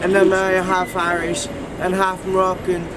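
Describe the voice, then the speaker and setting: A man from France chatting on the street in a rambling, halting way, repeating himself. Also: high voice, monotone. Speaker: passer-by. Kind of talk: street conversation. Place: outdoors on a city street. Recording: loud street noise, off-mic.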